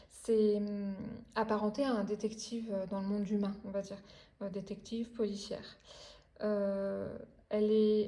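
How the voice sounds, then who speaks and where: A French craft and book vlogger in her thirties, with a mid-range, dark-toned voice, chats casually about what she's been reading. Her speech is full of hesitations and restarts.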